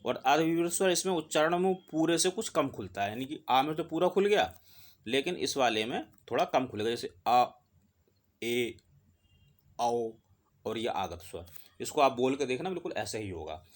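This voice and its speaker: A man's voice: mid-range voice, animated, brisk. Man teaching a patient explanatory lesson. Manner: explanatory, asks and answers his own questions. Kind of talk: exam-prep lesson.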